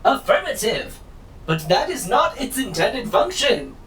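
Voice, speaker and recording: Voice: sing-song, unhurried, a bit bright. An actor voicing a glitchy weather-forecasting robot that talks in stiff formal phrases and stutters when it malfunctions. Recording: distant mic, faint rumble.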